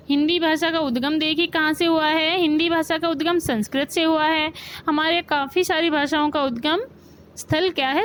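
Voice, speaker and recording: A woman's voice: high-pitched, fairly bright tone, a little hiss or hum, low-quality recording. A woman teacher, giving a grammar lesson and asking the class questions, then repeating the key points. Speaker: school teacher.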